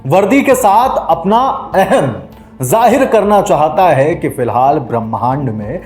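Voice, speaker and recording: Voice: medium pitch, expressive, measured pace, a little mellow, faint music behind. A narrator delivering a dramatic, scornful scripted passage. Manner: rhetorical, scornful.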